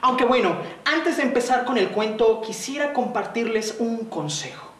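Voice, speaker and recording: A man's voice: animated, fairly bright tone. Mexican man, storyteller, playful and dramatic, roomy sound, a bit far from the mic. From southern coast of Mexico. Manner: dramatic, playful, swings pitch and slows for effect. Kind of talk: storytelling for young people. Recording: roomy, distant mic, faint noise.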